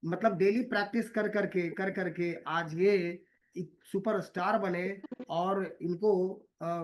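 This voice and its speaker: A man delivers a motivational talk in a notably high voice. He circles back over his own phrases and pauses on filler sounds. He keeps addressing his listeners fondly as "my dear". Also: slight background noise. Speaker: motivational speaker.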